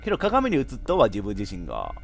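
A man playing a horror game, giving joking running commentary and breaking into sudden shouts. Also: lowish voice, huge pitch swings, quick pace, creaky, faint music behind. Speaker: VTuber game streamer.

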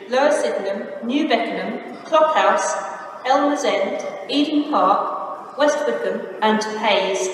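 Slow woman's train station announcement. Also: on the high side. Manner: measured, even, formal delivery. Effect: train station loudspeaker announcement. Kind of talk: recorded departure announcement. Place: large railway station concourse. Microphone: station loudspeaker picked up from far off. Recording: echoey station hall, distant, noisy. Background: station ambience.

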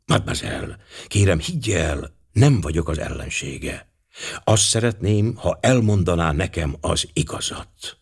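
A man's voice: fairly low pitch, sing-song, breathy edge, full character voice. A man voicing a fussy, vain older male Belgian detective who talks pompously and drops French words. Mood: gentle.

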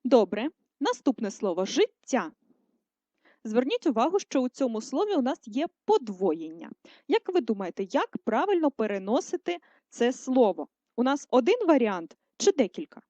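A female primary school teacher giving a recorded writing lesson, dictating words slowly and clearly for first graders. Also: on the high side, big pitch swings, mellow, dry recording. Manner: slow, clear dictation, syllable by syllable. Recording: dry, dull lo-fi voice recording.

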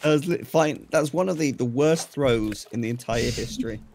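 A man's voice: mid-range voice, brisk, darkish tone, a little hiss or hum. A man chatting casually and teasing his friend during a co-op game, laughing often. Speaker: co-op gamer, guest. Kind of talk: casual gaming chat.

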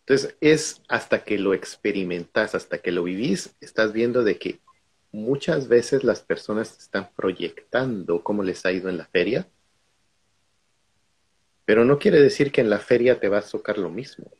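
Appearing as a guest on a video call, a middle-aged Guatemalan man shares reflective stories from his life. His lowish, husky voice has lively intonation and a moderate pace.

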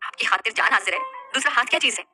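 A woman's voice: on the high side, fast talker, bright, forceful tone, soft background music. A woman voicing a shy, lovestruck young man in a read-aloud story, flustered and bashful.

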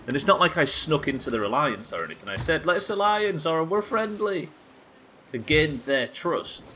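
An expressive British streamer in his thirties talks at normal speed in a fairly high, sharp voice, with slight background noise. Broadcasting live from a small indoor room, he gives casual game commentary that's sweary and rambling, often questioning himself, while chatting with viewers.

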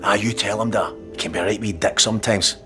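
A man's voice: lowish voice, steady tone, fast talker, over music, close to an everyday voice. An actor playing an anxious, scheming middle-aged Scottish father in a comedy sketch, blustering and fretful. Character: anxious scheming Scottish dad, blames his son.

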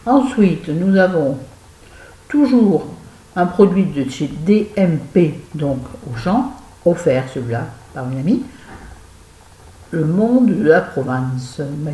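Woman, casual vlog chat, self-mocking, wry, mellow warm voice, roomy echo. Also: sits low. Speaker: beauty vlogger reviewing used-up products. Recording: roomy echo, faint background noise.

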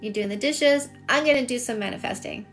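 A middle-aged woman with a Canadian accent speaks briskly in a fairly high voice, soft music in the background. Hosting a livestream as a dating coach, she casually reads and answers comments and repeats points for emphasis, her phone held at arm's length in a small indoor room with shelves.

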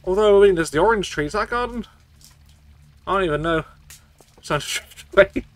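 A man's voice: high-pitched, a little fast, no room sound. A man streaming a video game, swearing and rambling as he gets tipsy from shots. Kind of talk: casual gameplay commentary.

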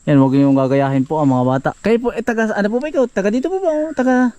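A man's voice: sits high, expressive, fast talker, mellow, dry recording, dull audio. A man vlogging outdoors in rural woodland, chatting casually and coaxing and cautioning someone as he goes. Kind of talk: casual outdoor vlog narration.

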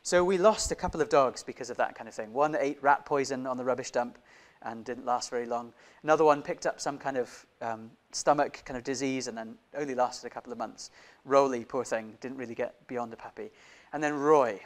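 A young man preaching a sermon in a church, who grew up in Indonesia, talking with lively gestures and asking many questions of the congregation. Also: mid-range voice, fairly quick. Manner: animated, gestures broadly, many rhetorical questions. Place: church hall, indoors. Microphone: lapel mic.

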